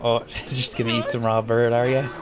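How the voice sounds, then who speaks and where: A man hosting a let's play with casual game commentary, dry and laconic with deadpan quips. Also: medium pitch, moderate pace. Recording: game music playing behind.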